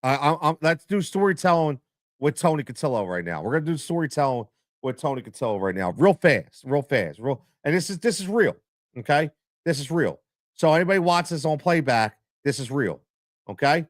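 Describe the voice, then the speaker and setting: Man, Philadelphia accent, middle-aged, live-stream host, fairly high pitch, animated, repetitive, dry sound. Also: fairly quick, no echo. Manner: animated, repetitive, stammering restarts. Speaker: show host.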